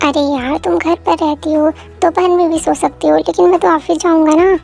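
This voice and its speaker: Brief: sleepy, grumbling young husband, woman voicing, lower than her usual voice, audio drama. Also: steady tone, moderate pace, gravelly, a little mellow, faint music behind. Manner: tired, grumbling, exasperated. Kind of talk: Hindi fan audio drama.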